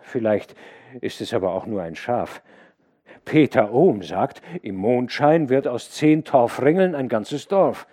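A man's voice: mid-range voice, lively intonation, measured pace, warm tone, voice pushed up. A man voicing a young farm boy who is eager, superstitious and easily spooked, in an audiobook.

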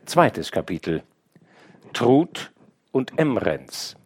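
A man reading a classic novel aloud as an audiobook narrator, in a measured, expressive storytelling manner. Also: breathy edge, no echo. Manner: measured, expressive storytelling with wide pitch movement. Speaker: audiobook reader. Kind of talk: scripted literary narration.

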